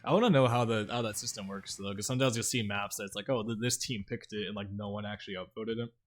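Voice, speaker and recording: Livestreaming a game with music in the background, this man speaks fast in a fairly low, steady voice through a streaming mic. His talk is loose and slangy as he banters with viewers and reacts to the gameplay.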